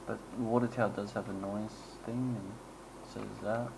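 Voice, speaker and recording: A man's voice: lowish voice, steady tone, moderate pace, gravelly, background noise. A man giving casual, rambling gameplay commentary, chuckling and making self-deprecating asides as he goes. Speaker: gaming channel host.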